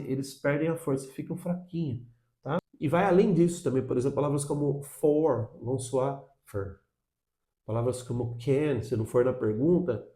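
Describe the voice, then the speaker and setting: A man's voice: mid-range voice, mellow, reverberant. A Brazilian man with a Brazilian Portuguese accent, explaining English pronunciation in a video lesson and checking in with "tá?" as he goes. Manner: explanatory, frequent "tá?" check-ins. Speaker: English teacher.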